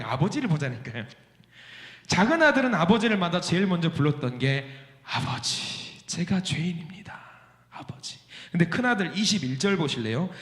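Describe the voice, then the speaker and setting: A male pastor preaching a sermon in a church, acting out the voices in his text, swinging between loud outbursts and soft, almost whispered lines. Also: a little high. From South Korea. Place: church sanctuary. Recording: echoey church hall.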